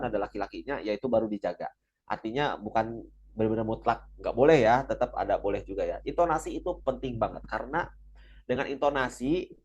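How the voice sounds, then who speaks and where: Young guy running a public speaking seminar, lively, repeats himself a lot, middle pitch. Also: breathy edge. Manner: energetic, repeats key points, frequent religious phrases.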